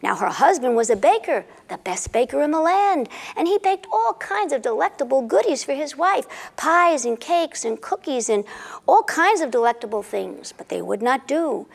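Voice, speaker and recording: A woman storyteller spins a comic fairy tale for a live crowd, playful and theatrical, pausing to quiz her listeners. Her voice is high and swoops all over, with a gravelly rasp underneath. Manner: animated and playful, quizzing the audience. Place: rehearsal and recording studio with a live audience.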